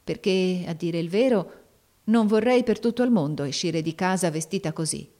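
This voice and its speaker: A woman's voice: on the low side, normal speed, mellow, lightly acted. A woman reading an audiobook, voicing a timid, modest young servant girl who speaks shyly and hesitantly. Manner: shy and hesitant.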